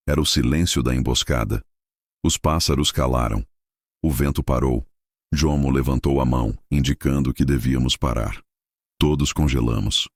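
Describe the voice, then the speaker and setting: Male narrator, Brazilian accent, extremely low voice, dry close sound, suspenseful nature documentary storytelling. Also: dry recording.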